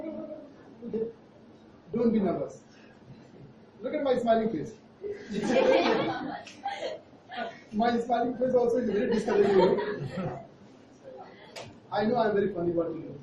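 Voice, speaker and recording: A man with an Indian accent teaching maths to a class in a playful, teasing way, checking in with questions. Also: very high-pitched. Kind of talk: interactive classroom lesson. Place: classroom at a board. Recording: echoey, noisy, muffled classroom, far from mic.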